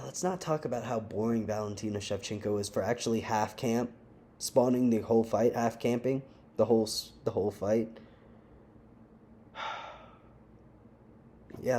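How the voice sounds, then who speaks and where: A young man ranting casually to camera, animated and slangy, breaking into frequent laughs. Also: lowish voice, a little hiss or hum. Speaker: vlogger. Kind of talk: casual rant.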